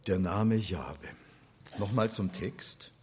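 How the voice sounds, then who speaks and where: Slow, husky man teaching. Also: sits low. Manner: patient, spells things out step by step. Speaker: religion teacher. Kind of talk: explanatory lecture.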